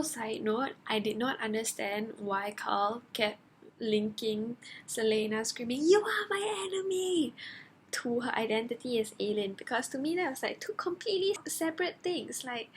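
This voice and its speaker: A woman chats through a book review in a casual vlog, her voice sitting a little high. She gushes and acts out her own reactions as she goes. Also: normal speed, slight background noise. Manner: animated and gushing, acting out her own reactions. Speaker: book vlogger.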